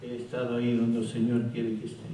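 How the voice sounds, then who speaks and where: Older male preacher, spanish sprinkled with words, flat mellow delivery, distant mic, faint hum. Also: medium pitch, fairly quick. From Chile. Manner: testimony in Spanish mixed with Portuguese words, rising to exhortation. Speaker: pastor. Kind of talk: sermon. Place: large hall at a pastors' conference. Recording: very echoey hall, distant mic, faint noise.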